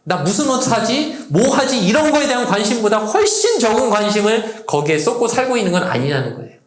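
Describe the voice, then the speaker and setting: A man pastor preaching a sermon to a youth service, lively, acting out the voices he quotes. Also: sits high, fairly quick, reverberant. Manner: animated, acts out quoted voices. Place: church sanctuary.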